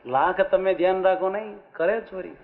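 A man telling folksy religious stories in a sermon, lively and often asking his listeners whether they understood. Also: high voice, moderate pace. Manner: lively, asks the audience "understood?". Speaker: religious storyteller. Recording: muffled with faint music.

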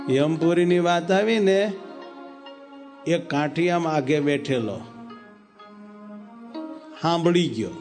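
A man preaching through a story, animated and dramatic, with sharp shifts in pitch and pace. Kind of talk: sermon storytelling.

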